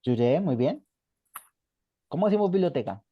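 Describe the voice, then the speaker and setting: A man's voice: on the high side, big pitch swings, normal speed, husky, no room sound, muffled recording. A man teaching a beginner English class online in Spanish, patiently repeating examples and checking in with the students.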